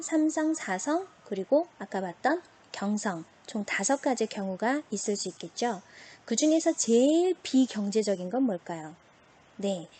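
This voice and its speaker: A woman teaching an online Chinese pronunciation lesson, drawing out example words slowly and asking and answering her own questions. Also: medium pitch, dark tone, breathy edge.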